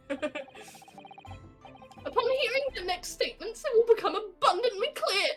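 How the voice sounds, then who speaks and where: A woman's voice: extremely high pitch, animated, normal speed, soft background music, pitched above the performer's own voice. A British woman doing a gleeful scheming prosecutor. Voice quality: dramatic, gleeful delivery. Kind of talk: reading game dialogue aloud.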